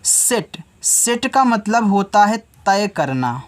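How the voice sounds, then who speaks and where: A man with a Hindi accent leads a children's English phonics lesson. He spells words out letter by letter at a slow, careful pace. He asks a question and then answers it himself, again and again. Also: high voice, sing-song.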